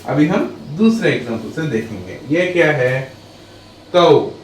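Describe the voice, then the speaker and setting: A man's voice: on the high side, big pitch swings, normal speed. A man teaching a lesson who asks questions and answers them himself, repeating his phrases. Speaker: English teacher. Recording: echoey room, far from mic, faint noise.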